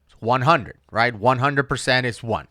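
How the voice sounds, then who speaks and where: A man's voice: medium pitch, normal speed, pushed and bright, dry recording, clean studio sound. A man giving casual reaction video commentary as a diver, explaining technical details.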